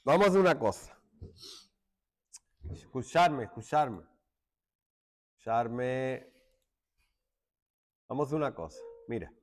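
A middle-aged man from Málaga with an Andalusian accent, teaching a joking classroom lesson and hushing his students. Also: medium pitch, lively intonation, measured pace, long pauses. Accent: Andalusian Spanish. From Málaga, Spain. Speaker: secondary school teacher.

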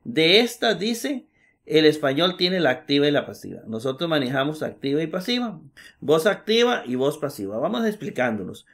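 A middle-aged man teaching Greek grammar in a recorded class, explaining slowly and repeating examples with many hesitations. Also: fairly high pitch, very animated, fairly bright tone. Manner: slow, patient, repeats examples with many "eh" fillers.

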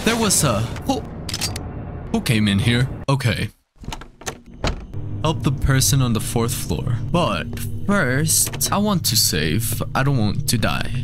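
A man whose native language is Spanish gives nervous, casual let's play commentary on a horror game, thinking aloud and swearing often. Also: mid-range voice. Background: game music.

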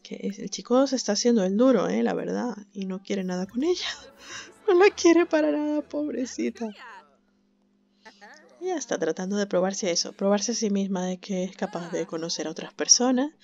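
Chatty woman with a gravelly voice. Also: mid-range voice, expressive, normal speed, mellow, highs cut off. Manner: chatty, sympathetic, laughs often. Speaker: gameplay commentator. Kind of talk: casual let's-play commentary.

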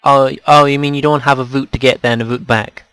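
A man with a mid-range voice chats easily with a friend while they play a game. He laughs often and keeps his replies short and relaxed. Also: mid-range voice, quick pace, clear, resonant tone, no echo. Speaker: co-player. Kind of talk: casual chat while gaming.

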